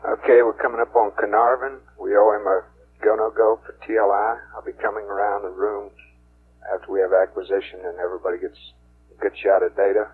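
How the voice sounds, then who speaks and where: A man with a low, very even voice runs a procedural roll call as a flight director. He is brisk and businesslike, heard over mission control radio that is narrow and band-limited, with hum and hiss behind him.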